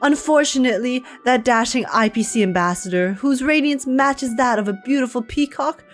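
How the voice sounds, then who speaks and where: A woman's voice: sits high, normal speed, soft background music, pitched above the performer's own voice, natural voice. A woman voicing a gallant knight of beauty with flowery, theatrical, courtly delivery, reading game dialogue. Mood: solemn, courtly. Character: gallant, florid male knight devoted to beauty.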